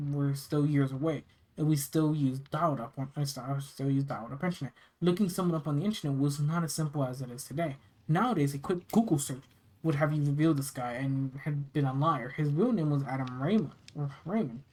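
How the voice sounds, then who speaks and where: A storyteller from the United States reading a first-person horror story aloud in a halting way, often stumbling and repeating phrases. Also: medium pitch, a little mellow, low-quality recording. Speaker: narrator reading scary stories.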